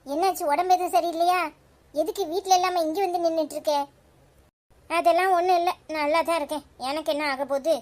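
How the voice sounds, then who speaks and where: A woman's voice: very high voice, fairly even intonation, fairly quick, darkish tone. A woman with a Tirunelveli Tamil accent voicing a stubborn young married woman in a cartoon, speaking curtly and defiantly. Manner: curt, defiant.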